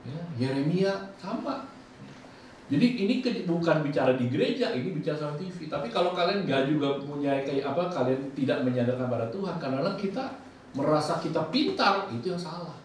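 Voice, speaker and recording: A man preaching a sermon, telling lively personal stories and acting out his own remarks. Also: fairly high pitch, brisk. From Indonesia. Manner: lively storytelling, acts out his own quoted lines. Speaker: bishop preaching. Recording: echoey hall from far off, faint noise.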